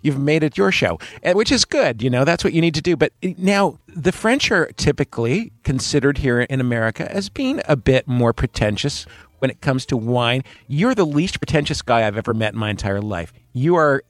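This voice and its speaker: A man's voice: mid-range voice, expressive, normal speed, no echo. Enthusiastic joking male show host. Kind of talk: upbeat show hosting and interview.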